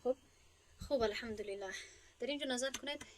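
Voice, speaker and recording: Woman teaching grammar, higher voice. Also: slight background noise, poor audio. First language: Persian. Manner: explains step by step, asks students questions and praises answers. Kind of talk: online grammar lesson.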